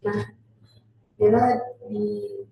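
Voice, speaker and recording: A teenage girl giving a class presentation, hesitant with many pauses and fillers, recorded in a classroom. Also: medium pitch, big pitch swings, gravelly, narrow, tinny audio, a little hiss or hum. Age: teens. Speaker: student presenter. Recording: echoey classroom.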